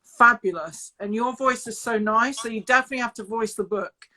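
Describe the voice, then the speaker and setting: A woman from the Scottish Highlands hosting an interview on a video call, chatty and enthusiastic, saying "like" a lot. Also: brisk, pushed and bright. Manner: enthusiastic, chatty, says "like" often. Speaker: interview host. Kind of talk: casual chat.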